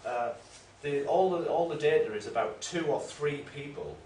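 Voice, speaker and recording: A man's voice: a little high, normal speed, a little mellow. Male lecturer in a roomy, distant recording. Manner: discursive, explanatory, self-correcting. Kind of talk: academic lecture. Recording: roomy room, mic at a distance, faint noise.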